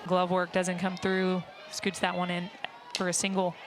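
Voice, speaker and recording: A woman giving explanatory color commentary on a live softball game. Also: fairly low pitch, monotone, moderate pace. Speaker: color analyst. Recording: noisy stadium crowd behind commentary. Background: crowd and outdoor ballpark noise.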